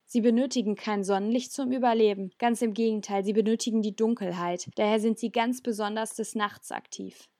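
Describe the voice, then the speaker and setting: A woman's voice: medium pitch, steady tone, fairly quick, few pauses, dark tone, dry recording, studio quality, close to an everyday voice. A woman voicing a grave alien elder woman explaining a danger in a storybook reading.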